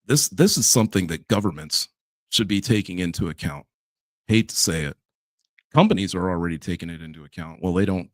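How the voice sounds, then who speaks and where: A man's voice: lowish voice, no echo, studio quality. A man co-hosting a podcast, speaking in casual chat with emphatic, opinionated delivery. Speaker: podcast co-host.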